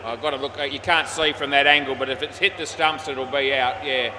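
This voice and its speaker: A man's voice: medium pitch, steady tone, brisk, sharp tone. A man with an Australian accent giving casual, laconic, matey amateur commentary and umpire calls at indoor cricket. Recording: noisy indoor sports hall, bouncing balls.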